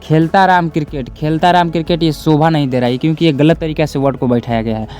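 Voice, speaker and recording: A man's voice: on the high side, quick pace, mellow, faint music behind. A young man teaching a lesson, repeating each point twice and speaking straight to his students. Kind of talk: classroom lesson explaining step by step.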